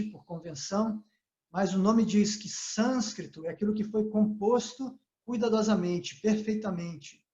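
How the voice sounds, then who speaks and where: A man giving a calm spiritual lesson, often checking in with his listeners as he explains. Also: sits high. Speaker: yoga teacher. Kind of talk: spiritual talk. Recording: echoey, slightly dull sound.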